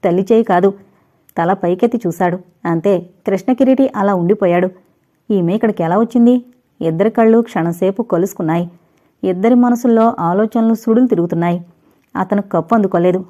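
A woman narrating a novel in a steady, even storytelling manner. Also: medium pitch, a little fast. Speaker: audiobook narrator. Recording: dull lo-fi recording.

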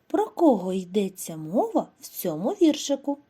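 Ukrainian woman as a primary teacher, slow and sing-song, soft mellow tone, lively pitch. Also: slightly rough. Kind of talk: scripted lesson narration for young children.

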